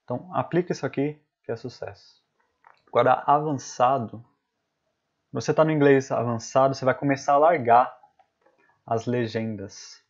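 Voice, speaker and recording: A man teaches in a casual live stream at an average pitch. He talks loosely, circles back over words and tags lines with quick checks for agreement. The audio is a bit dull and lo-fi. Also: steady tone. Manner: casual, repeats words and adds "né?" often. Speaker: English teacher.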